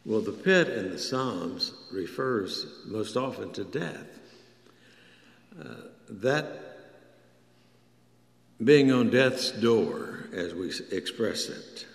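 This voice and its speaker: A man preaches at an unhurried, measured pace, drawing out the stories and giving the prayers and quoted words voices of their own. His voice rings through a large hall with a long, trailing echo. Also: animated, creaky. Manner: slow, storytelling, acts out prayers and quotes with rising pitch. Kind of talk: sermon. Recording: echoey hall with long reverb.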